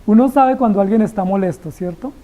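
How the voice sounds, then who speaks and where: A woman's voice: mid-range voice, brisk, lo-fi sound. A woman preaching an expository sermon, dramatically acting out biblical dialogue and firing rhetorical questions at the congregation.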